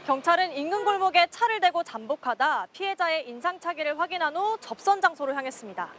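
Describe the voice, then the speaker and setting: A woman's voice: very high voice, lively intonation, fast talker, fairly bright tone, a little hiss or hum. A woman reading a scripted news report as a reporter.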